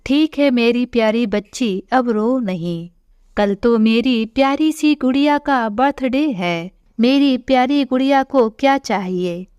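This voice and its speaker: A woman voicing a gentle young father in a storybook tale, coaxing and sometimes stern with his daughter. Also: fairly high pitch, unhurried, clean tone, no echo, muffled recording, natural voice.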